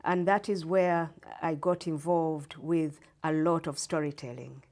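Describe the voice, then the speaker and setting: A middle-aged woman from Uganda, a guest professor answering interview questions in a measured, explanatory way. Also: deep voice, fairly even intonation, darkish tone. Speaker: guest storyteller and English professor.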